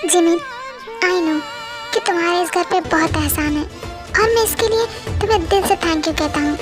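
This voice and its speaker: Cold young husband, stern, clipped, voiced by a woman, very high pitch, faint music. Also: moderate pace. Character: cold young widowed husband, curt and proud. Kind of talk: dramatic fan story reading. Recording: soft music behind.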